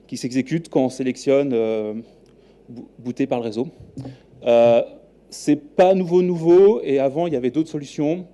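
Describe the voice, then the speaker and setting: Dark-voiced French-accented man giving a talk. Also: medium pitch. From New Caledonia. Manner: relaxed, hesitant with many fillers and restarts. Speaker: software architect giving a meetup talk. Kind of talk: live conference talk. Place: meetup room.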